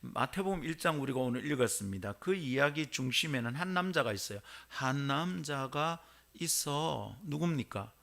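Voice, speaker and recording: A man's voice: medium pitch, lively intonation, brisk, gravelly, few pauses, a bit bright. A male pastor with a Gyeongsang accent preaching a sermon in a church and having the congregation repeat his phrases. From Korea. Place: church sanctuary.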